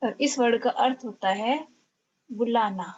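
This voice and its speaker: Female teacher, higher voice, patient step-by-step explainer, muffled lo-fi class audio. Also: a little slow, a little mellow, a little hiss or hum. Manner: explaining step by step, checking in with students. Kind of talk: online lecture.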